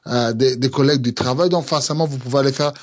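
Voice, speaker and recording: A man's voice: mid-range voice, fast talker, highs cut off. A Congolese man with a Congolese French accent, a pastor giving earnest teaching on engagement, hesitating often with fillers and restarts.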